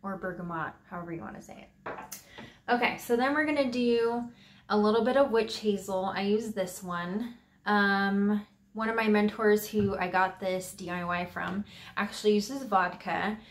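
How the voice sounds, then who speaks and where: A woman's voice: mid-range voice, steady tone, moderate pace. A woman vlogger talking casually and upbeat through a DIY tutorial in her home office. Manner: chatty, upbeat, with fillers.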